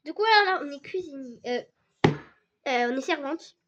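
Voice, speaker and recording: A young woman with a sore, hoarse throat, rambling excitedly in casual game commentary for her channel. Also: sits high, normal speed. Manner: rambling, excitable, many restarts and fillers. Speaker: gaming channel host. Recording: dull lo-fi recording.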